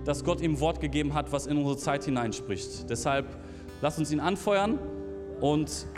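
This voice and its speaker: A man's voice: a little high, moderate pace. Man introducing over guitar music. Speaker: worship leader. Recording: live hall with band playing underneath.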